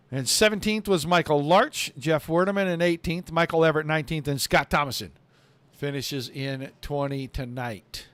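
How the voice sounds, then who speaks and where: High, crisp-voiced male race commentator. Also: dry recording. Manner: fast, excitable play-by-play.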